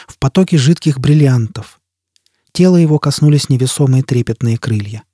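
Dark, husky male audiobook narrator. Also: mid-range voice, no echo. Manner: steady, measured reading. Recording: dry, close studio sound.

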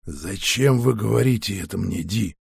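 A man voicing a wary male scientist who speaks cautiously and quietly in a storybook reading. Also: lowish voice, moderate pace, vocal fry, husky, no echo, studio quality, voice pushed down, full character voice. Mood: guarded.

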